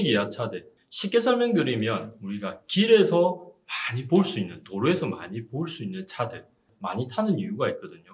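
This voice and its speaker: A man in his forties speaking as a used car dealer in an interview, giving assured, explanatory advice like a salesman. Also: on the low side. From Busan, South Korea. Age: 40s. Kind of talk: informal on-camera interview giving buying advice.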